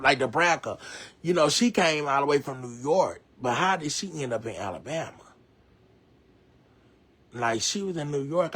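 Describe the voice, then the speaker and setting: A man's voice: mid-range voice, breathy edge. Chatty man reading live comments. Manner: chatty, reacts loudly, laughs, slangy. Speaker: live streamer. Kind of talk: casual live-stream chat reading viewer comments.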